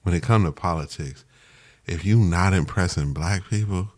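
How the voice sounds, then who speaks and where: A man's voice: low voice, normal speed. A man co-hosting a podcast, talking casually and emphatically, often saying "bruh". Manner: loose, emphatic, peppers talk with "bruh". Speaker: podcast co-host. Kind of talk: casual chat.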